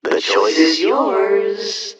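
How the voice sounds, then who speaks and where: A man's voice: high-pitched, very slow, muffled recording, music in the background. A man playing a smug, pompous supervillain genius in a video game, mocking and theatrical, his words echoing through a speaker system. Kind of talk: video game villain dialogue.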